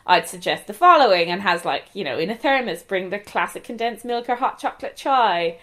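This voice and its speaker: A woman's voice: medium pitch, lively intonation, a little fast, bright, forceful tone. A woman with a west of Ireland accent from Galway, chatting casually as co-host of a cookbook show. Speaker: podcast co-host reviewing cookbooks. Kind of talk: casual chat.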